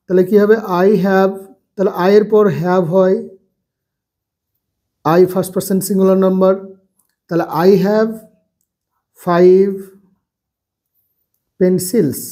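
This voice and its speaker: A man teaching English grammar to children, slowly repeating phrases and spelling words out letter by letter. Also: high-pitched, little pitch movement, mellow. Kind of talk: bilingual grammar lesson.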